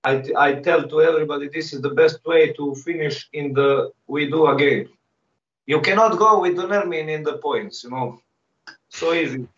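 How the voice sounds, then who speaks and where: A cocky male fighter with a slightly high voice, speaking in halting non-native phrasing and bragging casually. He sounds away from the microphone in an echoey room. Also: fairly bright tone. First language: not English. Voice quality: halting, broken English phrasing. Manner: cocky, boastful. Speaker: MMA fighter being interviewed. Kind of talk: casual pre-fight interview trash talk. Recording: dull, echoey, distant call-like sound.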